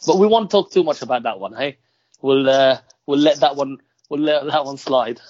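A man's voice: mid-range voice, moderate pace, darkish tone, no room sound. A man co-hosting a podcast, teasing the guest and rambling through his questions with restarts. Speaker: podcast co-host. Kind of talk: casual podcast interviewing. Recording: dry dull lo-fi podcast audio.

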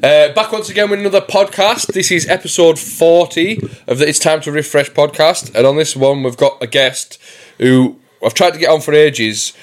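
A man's voice: a little high, moderate pace. A man talking informally and swearily as a podcast host. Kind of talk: casual podcast talk.

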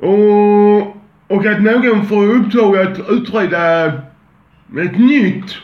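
A man putting on a mocking voice of a slow, dim-witted male official with a silly drawl. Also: roomy sound, dull audio, close to an everyday voice. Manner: slow, halting, high-pitched.

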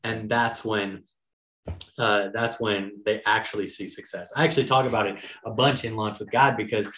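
Energetic man in his thirties, roomy echo. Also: fairly low pitch. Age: 30s. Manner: energetic, encouraging, fast-flowing talk. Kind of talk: casual chat.

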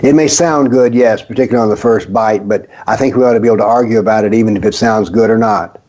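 A man's voice: on the low side, quick pace, darkish tone. Wry older man with dull lo-fi sound. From American South. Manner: wry, sarcastic, storytelling. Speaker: guest author. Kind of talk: casual radio talk. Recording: dull lo-fi audio.

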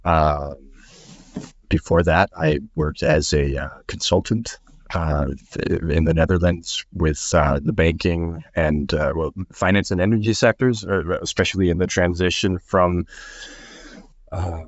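A man with a very deep, husky voice speaks as a guest on a podcast. His talk is halting, broken by frequent fillers. The sound is dry and a touch muffled. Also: fairly even intonation, no room sound. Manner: halting, many uhs. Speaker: guest, head of product. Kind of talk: casual panel chat. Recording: slightly muffled podcast recording.

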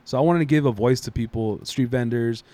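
A man's voice: mid-range voice, mellow, no echo. A young man from Southeast Los Angeles, a podcast guest chatting in a laid-back, slangy way. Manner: fast, laid-back, slangy, laughs often. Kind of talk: casual podcast chat.

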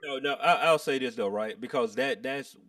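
A man's voice: mid-range voice, normal speed, fairly bright tone, distant mic. An American man in casual chat with friends, talking in a slangy, buddy-like way full of "bro".

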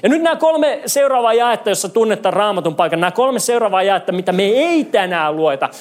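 A man preaching a lively sermon, reading scripture aloud and retelling it with jokes and asides. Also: high voice. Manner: animated, joking, mixes in English.

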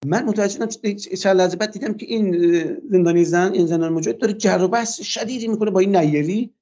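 An older man with a slightly high voice that still sounds dark and mellow. He gives a long personal account for a radio interview, pausing often on "uh" fillers. The sound is dull and lo-fi. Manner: long, hesitant retelling with frequent "uh" fillers. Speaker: interview guest.

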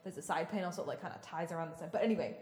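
A woman co-hosts a casual podcast in a fairly low voice. She rambles and gushes, full of "like" and "you know". Her voice rings with a roomy echo. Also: racing, a little mellow. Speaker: podcast co-host. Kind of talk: casual chat.

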